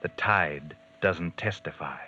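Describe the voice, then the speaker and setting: An actor playing a sardonic, ominous narrator of murder tales in a theatrical 1940s radio mystery style. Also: male voice, low voice, takes it slowly. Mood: wry, sinister. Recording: dull vintage 1940s radio, music behind.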